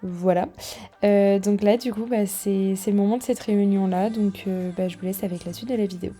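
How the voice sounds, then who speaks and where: A woman's voice: medium pitch, fairly even intonation, brisk, dark tone, soft background music. A young woman vlogging in a casual, chatty way, rambling and poking fun at herself, recorded on a phone camera. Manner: chatty, self-deprecating, rambling. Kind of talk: casual vlog chat.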